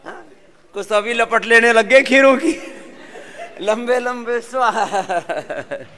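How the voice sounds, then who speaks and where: High, bright-voiced man leading yoga. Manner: lively, sings verses, jokes with class. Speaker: yoga teacher. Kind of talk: live yoga class instruction and talk.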